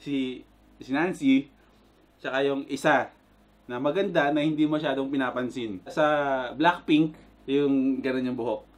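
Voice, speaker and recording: A man with a Filipino accent hosting a casual reaction vlog, excitable and prone to loud exclamations, switching between Tagalog and English. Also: mid-range voice, unhurried, pauses often. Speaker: reaction video host.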